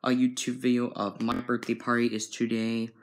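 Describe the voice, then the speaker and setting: A young man filming a casual home vlog, talking slowly and repeating himself, often calling out to his viewers. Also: medium pitch, little pitch movement. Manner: slow and repetitive, keeps addressing "guys". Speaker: vlogger. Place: bedroom at home. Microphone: handheld phone camera.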